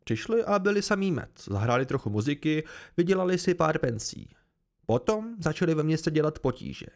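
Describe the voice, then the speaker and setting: A man reading an audiobook, voicing a gruff middle-aged village mayor who is suspicious and quick to anger, with a creaky voice. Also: mid-range voice, animated, natural voice. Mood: angry.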